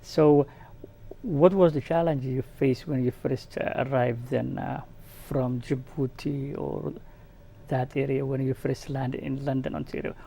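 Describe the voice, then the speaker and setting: A man hosting a community interview, speaking haltingly with many fillers. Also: medium pitch, fairly even intonation, creaky, dark tone, slightly rough. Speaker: host. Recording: faint background noise.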